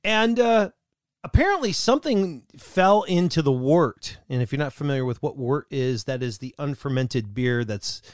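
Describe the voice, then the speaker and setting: A man co-hosting a casual chat show, telling stories in a joking way with quick asides. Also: mid-range voice, animated, no echo, studio quality. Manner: jokey storytelling, quick asides and laughs. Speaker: co-host.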